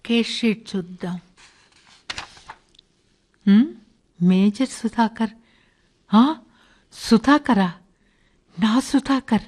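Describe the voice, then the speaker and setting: A woman's voice: fairly high pitch, extremely slow, pauses often, darkish tone. A woman playing a doctor caring for the army officer she loves, speaking urgently and pleading with herself, in a radio play. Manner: emotional, pleading inner monologue. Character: devoted young woman doctor, anxious. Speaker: radio drama actress. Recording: music behind.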